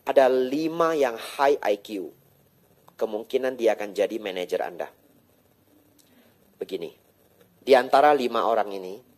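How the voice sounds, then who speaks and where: A man, a Buddhist monk, giving a lively, teasing sermon with rhetorical questions and English phrases mixed in. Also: on the high side. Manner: drops English phrases into his talk. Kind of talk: sermon to a live audience.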